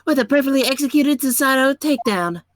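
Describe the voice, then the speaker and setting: Woman acting a prim young lady, animated pitch. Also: fast talker. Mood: protective. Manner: prim, formal, pointed. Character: polite, brisk young Japanese lady assistant, protective. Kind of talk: amateur voice-over read of a visual novel game. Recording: music behind the voice.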